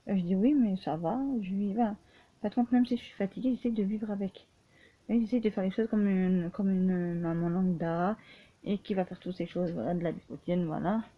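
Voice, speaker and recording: A woman vlogging casually, speaking haltingly with many restarts and fillers, often tired and short of breath. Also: lowish voice, fairly even intonation. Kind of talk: casual personal vlog. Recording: tinny phone-like sound.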